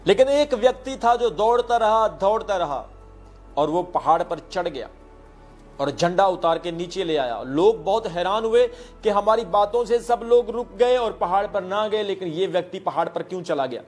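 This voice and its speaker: A man with a high voice preaching a sermon, dropping in hallelujahs and telling stories to make his point. He mixes English words into his preaching. Faint music plays underneath. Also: normal speed, a little mellow. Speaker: pastor.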